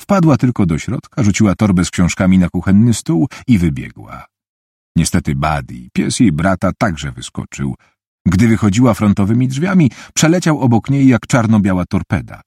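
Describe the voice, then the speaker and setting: Deep, husky male audiobook narrator. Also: sing-song, normal speed, mellow, no echo, clean studio sound. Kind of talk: scripted narration.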